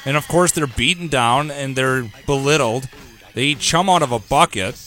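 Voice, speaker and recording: A man's voice: medium pitch, normal speed, pushed and bright, faint music behind. A man hosting a talk radio show, ranting in a sarcastic, opinionated way.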